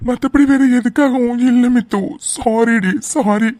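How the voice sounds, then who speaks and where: A man's voice: very high voice, fairly even intonation, unhurried, a little mellow, dry recording. A man voicing a cartoon friend who begs forgiveness and a grieving father, in a pleading, apologetic manner. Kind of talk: cartoon voice acting.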